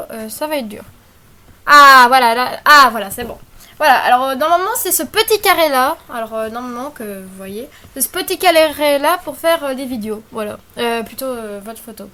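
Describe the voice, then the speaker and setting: High-voiced young woman chatting. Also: fairly bright tone. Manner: chatty, rambling, many fillers and apologies. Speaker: tutorial maker. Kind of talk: casual screen-recorded tutorial. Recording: faint background noise and clicks.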